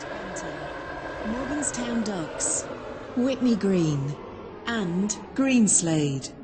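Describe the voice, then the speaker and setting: A woman performs a formal train station announcer in a railway game. Her medium-pitched voice delivers scripted announcements very slowly, piece by piece. There is clear train rumble behind her. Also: expressive. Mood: formal, segmented. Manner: segmented, formal listing of stops. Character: automated woman announcer listing train stops. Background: train vehicle ambience in a simulator game.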